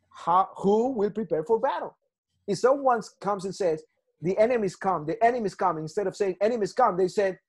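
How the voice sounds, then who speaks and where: Ecuadorian pastor teaching over a video call. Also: male voice, high voice, a little mellow. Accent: Ecuadorian Spanish. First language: Spanish. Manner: earnest, repetitive, frequent restarts and "right?" checks. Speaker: pastor teaching a Bible class. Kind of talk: Bible study lesson on a video call.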